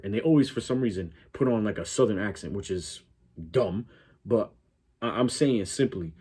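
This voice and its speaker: A husky, darkish, lower-pitched voice belongs to this YouTube reaction host from Connecticut in the United States. His southwestern Connecticut accent resembles New York speech, and his opinionated, casual chatter meanders, broken by stammering self-corrections.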